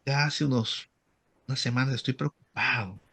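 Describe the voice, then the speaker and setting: A man's voice: medium pitch, moderate pace, vocal fry, bright, forceful tone, slightly rough, no echo, heavily acted. A man acting out the words of a nervous married male patient who confesses hesitantly and apologetically. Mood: worried.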